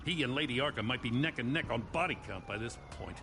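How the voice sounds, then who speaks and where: A man's voice: medium pitch, animated, fast, noisy background, close to an everyday voice. A man playing a weary, conscientious, frustrated police officer in a dramatic video game. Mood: troubled, frustrated.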